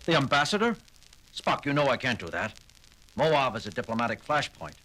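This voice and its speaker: A man playing an urgent, authoritative starship captain, quick to suspect, in a 1970s science fiction audio drama. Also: mid-range voice, very animated, rough recording. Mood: firm command. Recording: 1970s drama record with loud music.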